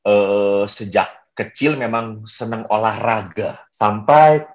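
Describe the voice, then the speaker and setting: Priest giving a sermon, tells funny stories about himself, does little voices for the people in them. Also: male voice, lowish voice, takes it slowly, lo-fi sound. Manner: storytelling with humor, acts out quoted voices.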